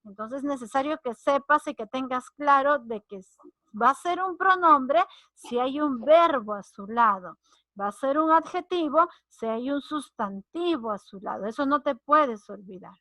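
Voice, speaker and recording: A woman's voice: high voice, lively intonation, normal speed, pushed and bright, dry recording. A woman teacher, explaining grammar and acting out short example lines. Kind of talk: online grammar lesson.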